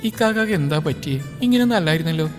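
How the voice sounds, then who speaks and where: A mischievous younger sister teases her brother in a quick, playful way, as a male narrator puts her on. His voice rises a little above his usual pitch. Long reverb and faint music fill out the recording. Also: lively intonation, natural voice. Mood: teasing. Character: cheeky teenage younger sister, teasing.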